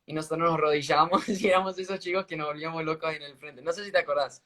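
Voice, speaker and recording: Man, slightly raised pitch, casual spoken testimony, earnest, stop-start delivery, phone live-stream sound. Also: steady tone, bright, forceful tone. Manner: earnest, halting storytelling with restarts. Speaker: guest sharing a faith testimony. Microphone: phone on a live video stream.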